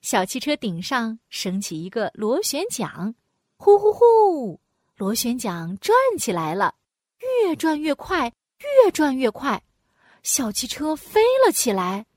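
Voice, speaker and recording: A woman narrating a children's storybook in an animated, sing-song way, with playful sound words. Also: on the high side, a little slow, no echo, studio quality.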